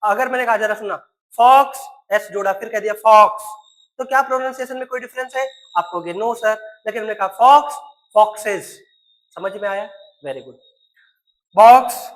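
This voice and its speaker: A man's voice: high-pitched, a bit bright, poor audio. A male teacher giving a recorded lesson. He keeps putting questions to his pupils and spells words out letter by letter.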